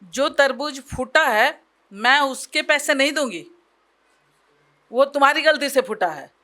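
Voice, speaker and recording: A woman's voice: sits high, expressive, sharp tone, voice pushed up, full character voice. A woman voicing a bossy, fussy middle-aged mother who haggles hard in a storybook tale. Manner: brisk, bargaining, fussy.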